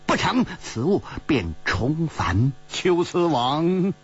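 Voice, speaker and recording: A man's voice: on the high side, very animated, slow, slightly rough, dull audio, soft background music, pitched above the performer's own voice, full character voice. A man doing an eager, earnest swordsman. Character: earnest male thief-hero reporting his scouting.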